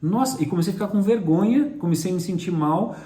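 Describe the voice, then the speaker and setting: A fast-talking man from Brazil, co-hosting a casual mentoring talk and sharing reflective personal anecdotes. His voice sits a little high and rings in an echoey room. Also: expressive, mellow. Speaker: co-host of a mentoring live stream.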